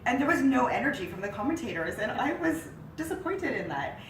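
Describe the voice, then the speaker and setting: Brisk and on the high side, the voice belongs to a woman in her thirties with a cold who co-hosts casual sports chat from a living-room couch. She sounds nasal and chatty, animated when excitement hits. A far camera mic gives a roomy, distant, hissy recording.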